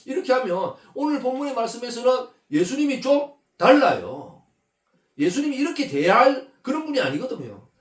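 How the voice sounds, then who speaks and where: A male pastor preaching a sermon, full of rhetorical questions and frequent checks with the congregation. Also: high voice. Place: church sanctuary. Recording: echoey church hall, mic at a distance.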